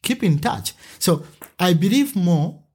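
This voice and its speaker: Man from Uganda, husky voice, lively storytelling guest. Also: takes it slowly. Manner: animated storyteller, acts out a child's voice with a higher pitch. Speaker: teacher and podcast guest. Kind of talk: conversational interview.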